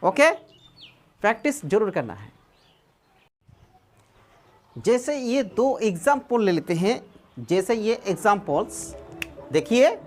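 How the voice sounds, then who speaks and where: A woman's voice: medium pitch, very animated, takes it slowly, long pauses, a little mellow. A woman teaching a class of online students, repeating key words and asking the students questions. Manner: repetitive, asks rhetorical questions.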